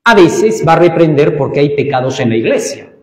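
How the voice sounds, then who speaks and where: A man preaching a sermon with emphatic swings in pitch and loudness, asking rhetorical questions. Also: big pitch swings, brisk. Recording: echoey church hall reverb.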